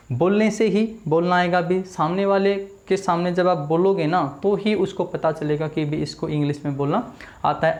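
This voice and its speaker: A man's voice: high-pitched, darkish tone. Hindi-speaking man teaching English pronunciation. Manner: drills words slowly, repeats them, asks the class to repeat. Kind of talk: classroom video lesson. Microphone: small camera in front of him.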